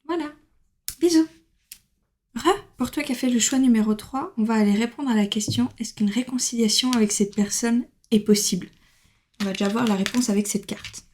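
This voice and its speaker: A woman's voice: on the high side, normal speed, a little mellow. A woman giving a casual tarot reading to camera, chatty, with many fillers and laughs. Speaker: tarot card reader.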